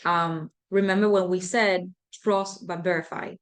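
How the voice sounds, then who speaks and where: A woman's voice: lowish voice, steady tone, a little slow. A woman leading a leadership training class, talking loosely with many fillers and restarts. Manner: conversational, filler-heavy, repeats herself. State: out of breath. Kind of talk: live online class.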